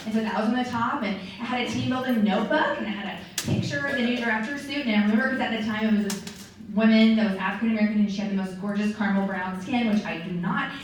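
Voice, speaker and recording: A woman's voice: mid-range voice, quick pace, slight background noise. Chatty woman speaking in an echoey hall. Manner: lively, chatty, acts out quoted voices. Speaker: sales director giving a talk. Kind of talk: motivational talk to a meeting. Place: meeting room or hall. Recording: distant mic in a very echoey hall.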